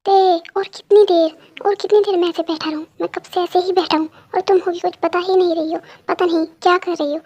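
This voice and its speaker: A woman's voice: extremely high pitch, fairly even intonation, fairly quick, darkish tone, dull audio, a little hiss or hum. A woman doing a whiny, impatient young man. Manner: whiny, complaining.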